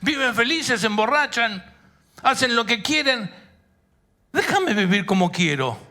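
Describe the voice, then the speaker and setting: A man's voice: extremely high pitch, sing-song, measured pace, pushed and bright, voice pushed up, exaggerated voice. A preacher voicing a man who whines to God and asks why he must be different. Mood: whiny. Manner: pleading, complaining questions. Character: whining man begging to live like everyone.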